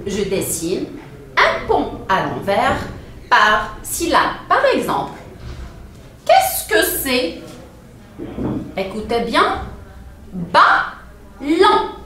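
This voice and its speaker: A woman teaching young children to read, sounding out syllables slowly and with exaggerated care. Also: high voice, a bit bright, far from the mic. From Morocco. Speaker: primary school teacher. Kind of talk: children's reading lesson. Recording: very echoey room with faint ambient noise.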